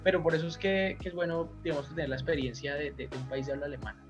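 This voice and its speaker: A man's voice: on the high side, fairly even intonation, rapid-fire. A Colombian man, a doctor, talking casually in an interview, rambling with many restarts and asides. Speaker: guest doctor. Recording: slightly dull audio with faint music.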